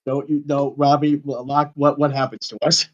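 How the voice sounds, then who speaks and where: A man chatting casually and excitedly as a player in a tabletop game. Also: a little high, moderate pace, lo-fi sound.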